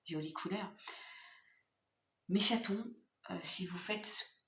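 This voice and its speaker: A woman's voice: fairly low pitch, slow pace, pushed and bright, roomy sound. A woman doing a casual, playful card reading for her viewers, chatty with many fillers. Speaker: tarot card reader.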